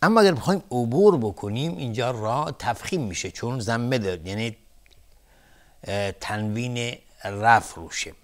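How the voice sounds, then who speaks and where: A man teaching Quran recitation on a televised lesson, explaining each rule step by step in a soft, low-key way. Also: lively intonation. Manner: methodical, explains rules step by step.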